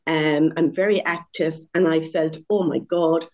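A woman in her sixties, a guest telling her story in a lively, conversational interview, laughing often at herself. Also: low-pitched, unhurried. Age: 60s.

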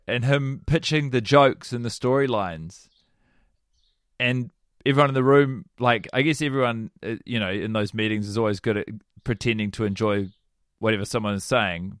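A man's voice: medium pitch, no echo, studio quality. A man co-hosting a podcast in casual chat, rambling and hesitant with wry teasing. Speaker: podcast co-host.

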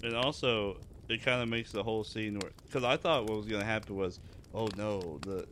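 A man's voice: on the low side, a little fast, a bit bright, slight background noise. A man co-hosting a podcast, bluntly picking apart a film, swearing freely and often restarting his sentences. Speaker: podcast co-host. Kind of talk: casual film review chat.

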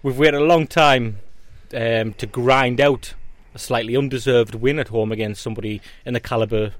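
A man's voice: medium pitch, steady tone, normal speed, no echo. A man hosting a football podcast in casual chat, with an informal, bantering manner.

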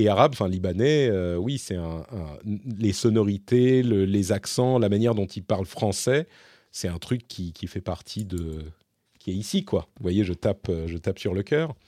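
A man's voice: on the low side, lively intonation, a little slow, mellow, dry recording, clean studio sound. A man hosting a casual question-and-answer session, talking in a rambling way with many fillers and restarts. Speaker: host. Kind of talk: casual Q&A monologue.

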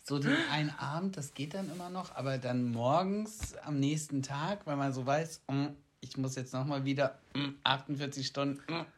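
Male podcast co-host with an average-pitched voice, informal chatty delivery. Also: normal speed, few pauses. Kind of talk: casual chat.

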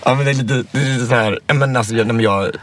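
A man's voice: mid-range voice, a little hiss or hum. A man co-hosting a casual podcast, often hesitant and restarting his sentences. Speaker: podcast co-host.

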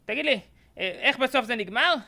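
A man's voice: extremely high pitch, animated, creaky, pushed and bright, exaggerated voice. A man playing a cranky old grandfather stuck in quarantine, hosting a comedy podcast and snapping at people. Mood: dry. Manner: grumpy, snaps and scolds. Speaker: host.

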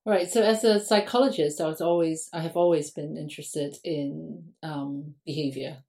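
A guest academic from Singapore answers questions in a relaxed podcast interview, thinking aloud in a low, creaky voice. She pauses often with ums, keeping her tone thoughtful and conversational.

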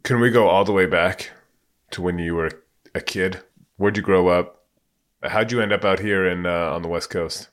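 A man's voice: sits low, steady tone, normal speed. A man hosting a podcast who asks casual, rambling questions full of fillers. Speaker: podcast host. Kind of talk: conversational interview questions.

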